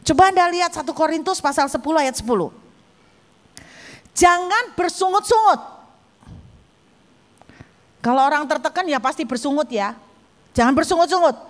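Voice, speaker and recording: A woman's voice: high voice, a bit bright, long reverb tail. A woman pastor, preaching a sermon and telling stories animatedly, speaking directly to the congregation.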